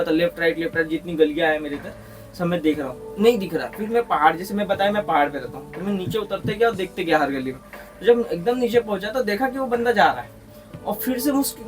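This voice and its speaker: Young mumbai guy, high voice, slangy and crude, telling a spooky tale, mic kinda far off, music under it. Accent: Mumbai Hindi. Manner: animated, slangy, crude humor. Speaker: podcast storyteller. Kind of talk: casual horror storytelling. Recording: distant mic with music behind.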